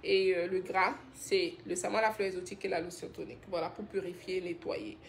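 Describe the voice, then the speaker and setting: Her voice is lowish and creaky, with a steady tone and a fairly quick delivery, and a slight hiss or hum can be heard. She is a skincare brand host from Benin, chatting warmly on a live stream as she reads out viewer comments about skincare, answers them, and laughs a lot.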